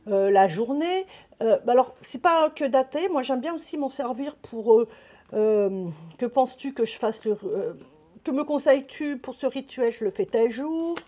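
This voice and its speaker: A woman's voice: sits high, animated, unhurried, warm tone. Chatty, breathless French woman vlogger. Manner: chatty, rambling, swears casually. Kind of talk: casual chat to camera.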